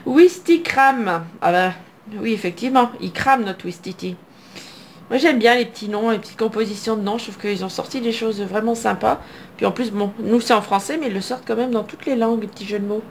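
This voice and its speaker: A woman's voice: fairly high pitch, a little fast, slight background noise. A middle-aged woman from France opening trading card packs at home, chatting to herself as she reads out each card name. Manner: chatty, reading card names aloud, musing to herself. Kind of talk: casual card-opening commentary. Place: home, indoors.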